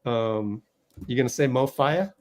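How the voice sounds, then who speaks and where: A man in no hurry, his voice medium in pitch, hosts a fan livestream and calls the play-by-play. Technical problems have him rambling and flustered, filling gaps with fillers and talking to himself while he sorts out the tech.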